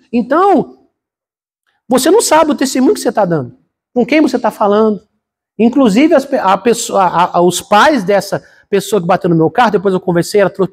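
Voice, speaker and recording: Stuffed up with a cold, a middle-aged pastor from Brazil speaks in a high, slightly rough, somewhat mellow voice with a Brazilian Portuguese accent. He shares a personal story in a chatty sermon, calling his listeners brothers.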